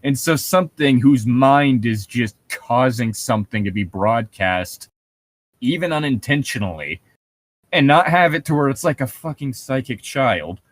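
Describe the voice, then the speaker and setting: Measured in pace but lively in intonation, this medium-pitched man co-hosts a podcast on a dry recording. His talk about horror stories is casual, rambling and full of swearing.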